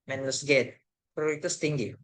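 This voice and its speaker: A young man, a university student, presenting a group report by reading his slides aloud, with halting delivery, restarts and fillers. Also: medium pitch, fairly even intonation, fairly bright tone. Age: young adult. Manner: reads haltingly, with self-corrections and fillers.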